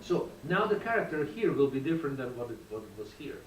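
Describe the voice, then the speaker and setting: A man's voice: medium pitch, very animated, quick pace. A man teaching a guitar masterclass, encouraging his student and singing phrases to show the line. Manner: encouraging, sings phrases to demonstrate. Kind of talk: masterclass coaching. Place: convention room, heard from a distance. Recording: roomy, distant sound with guitar playing. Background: guitar playing.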